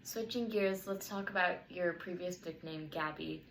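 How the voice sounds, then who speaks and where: A young woman with a fairly low voice conducts a student interview. She reads her prepared questions and explanations carefully, as if working from notes, with a faint hiss behind her. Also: moderate pace, fairly bright tone, poor audio.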